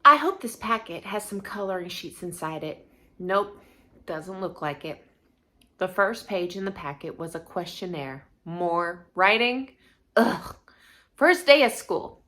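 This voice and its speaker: A woman teacher reading a children's chapter book aloud, expressive, with casual asides between passages. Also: medium pitch.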